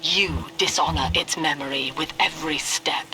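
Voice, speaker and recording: An actor playing a bitter, resentful park founder who speaks in a measured, reproachful way in a video game, with music behind him. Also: male voice, fairly high pitch, lightly acted, low-quality recording.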